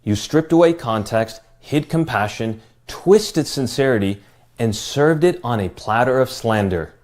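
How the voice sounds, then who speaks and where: Brief: male, measured scripted rebuttal, calm and articulate. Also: medium pitch. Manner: calm, well spoken, measured. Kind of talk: scripted response statement.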